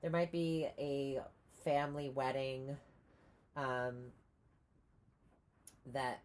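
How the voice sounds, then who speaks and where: A woman giving a casual tarot reading, rambling with many pauses and restarts. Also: very deep voice, steady tone, a little mellow. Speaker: tarot reader.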